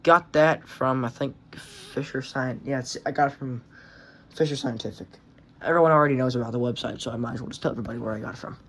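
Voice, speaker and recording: A hobbyist shows off his radio collection in a casual vlog filmed on a phone held in his hand. He talks fast in a medium, slightly bright voice, rambling, offhand, and swearing.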